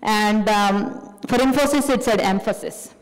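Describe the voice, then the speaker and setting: A woman with an Indian accent gives a technical lecture at an ordinary middle pitch. She explains patiently, circling back with fillers and restarts. Her voice carries a long reverb, as in a big hall. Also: unhurried, clean tone.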